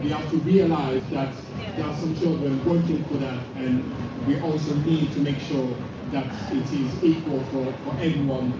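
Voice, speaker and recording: A man's voice: on the high side, very noisy. A man from the Congo giving a hesitant speech at an outdoor street rally, with many fillers and restarts. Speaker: rally speaker. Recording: echoey, distant, muffled outdoor PA sound.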